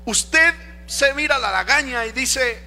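A man's voice: very high-pitched, slow pace, pushed and bright, a little hiss or hum. A man preaching a sermon as pastor, emphatic, with rhetorical questions to the congregation. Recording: long reverb of a church hall. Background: faint music.

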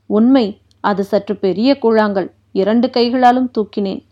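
A woman's voice: a little high, steady tone, measured pace. A woman reading as a teasing young maid. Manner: teasing, playful. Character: mischievous, joking young palace maid. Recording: dull lo-fi recording.

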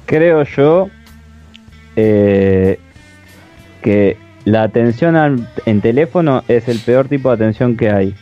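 A man's voice: mid-range voice, slow, dull audio, soft background music. A man with an Argentine accent making wry remarks in a casual podcast chat. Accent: Argentine Spanish.

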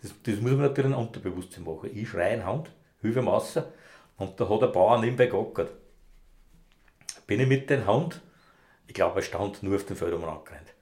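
A man's voice: on the low side, lively intonation, brisk, darkish tone. A man, a former rescue dog handler, telling long rambling anecdotes in broad dialect in a casual interview.

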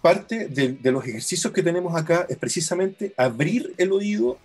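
A man's voice: high-pitched, lively intonation, normal speed, slightly rough, faint music behind. A man, an app co-founder, patiently explaining how a product works in a demo.

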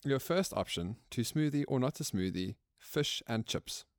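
A man's voice: mid-range voice, lively intonation, moderate pace, dry recording, studio quality. A man with a South African accent co-hosting a podcast, joking and laughing between his lines. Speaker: podcast co-host. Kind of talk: casual podcast interview.

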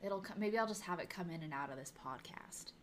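A woman's voice: lowish voice, lively intonation, brisk, slight background noise. A young woman co-hosting a casual podcast chat, giggly and self-deprecating, laughing often. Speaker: podcast co-host.

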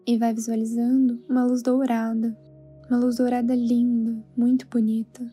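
A Brazilian woman guiding a sleep meditation in a soothing, hushed, spa-like manner. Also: a little high, flat delivery, moderate pace, breathy edge. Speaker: meditation guide. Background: soft background music.

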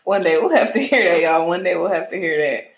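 A woman's voice: fairly low pitch, animated, brisk, roomy sound, low-quality recording. A woman, co-hosting a casual podcast chat, who teases and laughs often. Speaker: podcast co-host.

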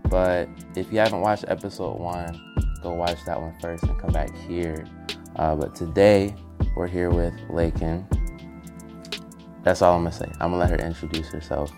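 A young man hosts a casual podcast, talking from a bedroom. His voice sits very low, and he keeps things easygoing and relaxed, often laughing as he asks questions. A little music plays faintly underneath. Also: moderate pace. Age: young adult. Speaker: podcast host. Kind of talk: casual interview chat.

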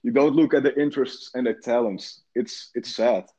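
A man's voice: mid-range voice, moderate pace, warm tone, dull audio. A fifteen-year-old boy from the Netherlands, guest in a casual chat, talking earnestly and repeating words as he starts. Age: teens.

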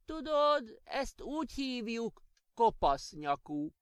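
A man voicing a gentle, patient old grandmother who soothes and explains things to her grandchild in a children's audiobook. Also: extremely high pitch, big pitch swings, clear, resonant tone, no echo, studio quality, pitched above the performer's own voice. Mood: soothing.

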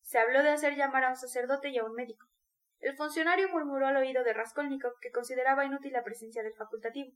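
High-voiced woman reading a novel. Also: steady tone, quick pace, fairly bright tone. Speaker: audiobook narrator. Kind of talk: scripted literary narration.

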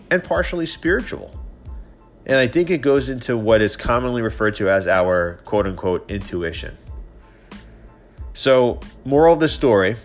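A man in his thirties delivers a podcast monologue in a slightly low voice. A head cold makes him sound blocked up and nasal, like someone pinching his nose, with a bit of scratch in the throat. He is measured and opinionated, and music plays faintly behind him. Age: 30s. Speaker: podcast host. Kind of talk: solo podcast monologue, opinion and sports commentary.

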